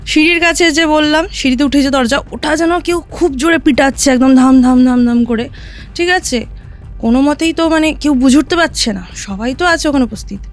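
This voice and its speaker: A woman telling a listener her own ghost story in a casual podcast chat, vivid and animated, often asking "right?". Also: high voice, fairly quick. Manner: recounts events vividly, often checking in with "right?".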